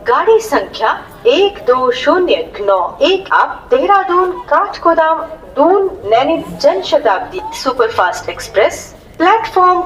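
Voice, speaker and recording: A woman making slow, formal railway station announcements over a PA loudspeaker. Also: high-pitched. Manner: slow, measured, formal announcing in two languages. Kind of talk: public announcements. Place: outdoor railway platform. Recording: echoey loudspeaker heard from far off on a noisy platform. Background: train and platform noise.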